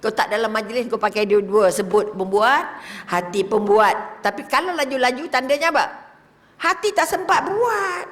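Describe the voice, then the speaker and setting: A fairly high-voiced older woman with a Malaysian Malay accent, teaching religion to an audience. She talks lively, keeps asking her listeners questions, and sometimes drops to a whisper to show how a prayer should sound. Her voice rings with the long echo of a large hall. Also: normal speed. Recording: reverberant hall.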